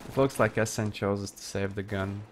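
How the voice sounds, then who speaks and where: A man's voice: on the low side, fairly even intonation, normal speed. A man casting a live shooter match, amused and often laughing in disbelief at the plays. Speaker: esports caster. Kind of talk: live game commentary. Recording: game gunfire noise behind voice. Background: game gunshots and clicks.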